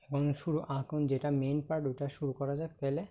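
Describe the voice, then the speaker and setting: A man's voice: on the high side, little pitch movement, fast talker, phone-quality sound. A man with a Bangladeshi accent teaching English grammar in an online lesson. He asks the class questions, answers them himself, and keeps checking with "okay?". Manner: ends points with a checking "okay?".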